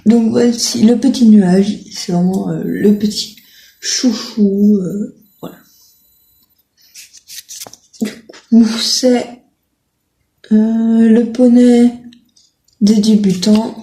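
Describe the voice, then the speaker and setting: A woman talking slowly and casually to her viewers, stopping often to hunt for words and correct herself. Her voice is mellow and soft, and a roomy echo sits around it. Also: medium pitch, fairly even intonation. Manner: hesitant, full of filler sounds and self-corrections. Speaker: video creator. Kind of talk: casual chat presenting riding-school horses.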